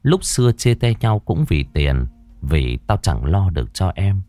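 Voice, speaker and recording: Deep-voiced gruff Southern Vietnamese storyteller. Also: male voice, big pitch swings, measured pace, warm tone, dry recording, soft background music. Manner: gruff, blunt, curses casually. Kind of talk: first-person ghost story narration.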